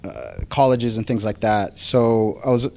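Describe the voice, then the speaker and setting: Born in the Philippines and raised in Los Angeles, this male guest photographer chats in a casual interview at a live podcast taping before a small audience. His medium-pitched, darkish voice is fairly even and measured, broken up by many ums and restarts.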